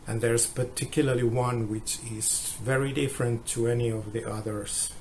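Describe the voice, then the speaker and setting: Man on a low-quality phone recording, flat and halting delivery, steady background noise. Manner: halting, with frequent restarts. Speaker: guitar tester. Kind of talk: explaining a measurement test.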